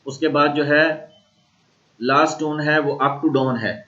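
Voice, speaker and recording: A man with a Pakistani accent teaches in a slow, deliberate way, pausing to repeat each sound for his students. His voice sits a little high. The recording is muffled and lo-fi, like a classroom lecture taped for students. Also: steady tone, a bit bright. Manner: slow, repetitive explaining, modeling tones aloud. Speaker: language teacher.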